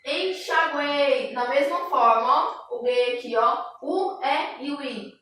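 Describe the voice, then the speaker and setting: Woman teacher, high voice, patient drilling delivery; distant mic in a very echoey room. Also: a bit bright, a little hiss or hum. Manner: patient, repeats examples slowly, tag questions. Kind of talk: online grammar lesson.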